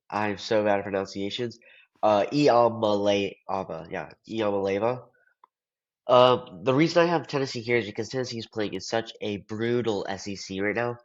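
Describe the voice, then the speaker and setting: A young man with a stuffy nose from allergies, co-hosting a casual sports talk show and earnestly searching for his words. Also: fairly low pitch. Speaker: podcast co-host. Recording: dull lo-fi audio.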